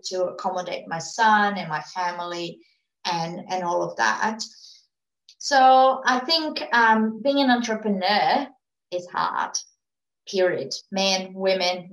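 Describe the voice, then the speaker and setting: Appearing as a guest, a PR agency owner who immigrated to Australia answers interview questions with English as her second language. Her delivery is earnest and relaxed, peppered with fillers and false starts, and her middle-pitched voice bounces around an echoey room.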